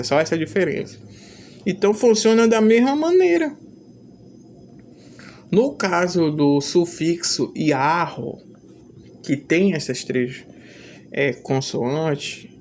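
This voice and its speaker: A teacher talks through a lesson at an unhurried, careful pace. The delivery is insistent, with heavy stress on the key words. A faint hiss sits under the voice. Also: medium pitch, darkish tone. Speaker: Hebrew teacher. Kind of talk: explanatory lesson.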